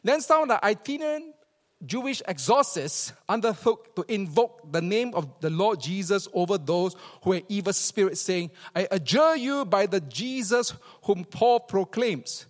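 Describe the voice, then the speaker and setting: This sermon comes from a pastor with a Singaporean accent whose high-pitched voice is expressive and moves at a moderate pace. He reads scripture and tells stories, stressing points by repeating phrases, before a congregation in a large hall that echoes noticeably.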